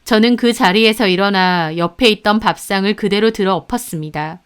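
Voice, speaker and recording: A woman's voice: medium pitch, brisk, smooth. A woman narrating a first-person family story in an aggrieved storytelling tone.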